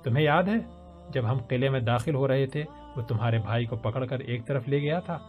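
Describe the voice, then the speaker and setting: A man's voice: medium pitch, narrow, tinny audio, soft background music, natural voice. A man voicing a playful, affectionate young woman who teases her friend like an older sister. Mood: teasing. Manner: playful, teasing.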